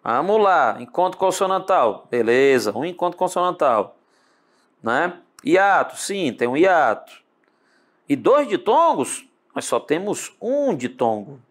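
Speaking straight to his student in an online exam-prep lesson, this animated man with a Brazilian Portuguese accent and a somewhat high voice uses lots of tag questions. When he spells words, he stretches them out slowly to break them down.

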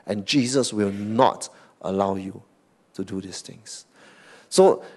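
A Singaporean man preaching a sermon as pastor, animated, often tagging lines with "okay?" and "right?", swinging between loud emphasis and soft asides. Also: on the low side, slow pace.

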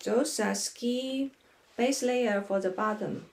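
Slow halting woman vlogger, echoey room. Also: a little high, gravelly, a little mellow. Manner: halting, with many pauses and fillers. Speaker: fashion vlogger. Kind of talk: casual unboxing and try-on. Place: small room at home, indoors.

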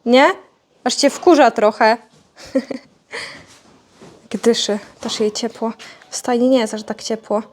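A woman's voice: a little high, steady tone, takes it slowly, long pauses, a little mellow. A young woman vlogging outdoors on a farmyard, chatting casually to her animals and playfully scolding them.

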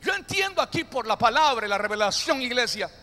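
Bright high-voiced preaching man, hall echo. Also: sing-song, brisk. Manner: preaching with call-and-response to the congregation; jokey, playful asides. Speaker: pastor. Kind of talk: sermon. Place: church hall. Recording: long hall reverb.

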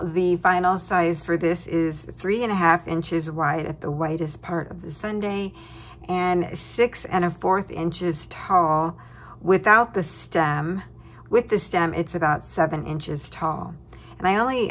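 A woman with a somewhat low voice talks slowly through a paper-craft project. She sounds cheerful and chuckles at her own remarks as she shows pieces at her tabletop desk. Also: a bit bright. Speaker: craft tutorial host. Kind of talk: relaxed crafting walkthrough.

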